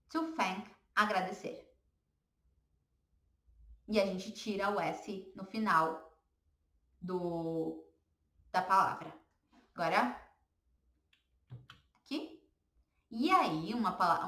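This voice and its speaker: A woman with a Brazilian Portuguese accent leads a beginner English class, patiently repeating each word so learners can echo it. Her voice is bright and crisp, at a middle pitch. The room around her adds a noticeable echo. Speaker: English teacher. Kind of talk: beginner language lesson.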